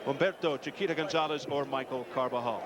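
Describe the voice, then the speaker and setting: A man's voice: medium pitch, fast talker, low-quality recording. A man calling a boxing match as the play-by-play commentator, in live sports broadcast style. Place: ringside at an open-air bullring. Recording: loud crowd and heavy venue noise.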